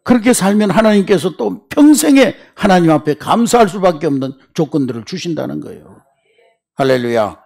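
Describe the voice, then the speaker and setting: A male pastor preaches in a church with a gravelly, slightly raised voice. He tells stories animatedly and slips into character voices for quoted lines. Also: high-pitched, animated, a little fast, a little mellow. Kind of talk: sermon. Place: church sanctuary.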